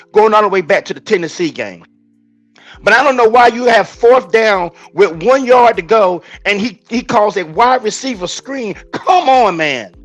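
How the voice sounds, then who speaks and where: A man's voice: high-pitched, a bit bright. A man ranting angrily about a football loss on a podcast, exasperated and emphatic. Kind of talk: heated sports rant.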